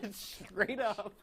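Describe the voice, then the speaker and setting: A man's voice: high voice, fairly bright tone, husky. A young man co-hosting a casual student TV chat, offhand and teasing, often hesitating. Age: young adult. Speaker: co-host. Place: college TV studio.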